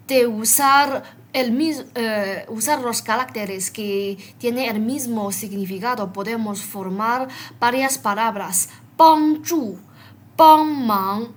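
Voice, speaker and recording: Slow, bright-voiced woman teaching vocabulary. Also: fairly high pitch, slight background noise. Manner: explains word by word, repeats and stresses Chinese words. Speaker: Chinese language teacher.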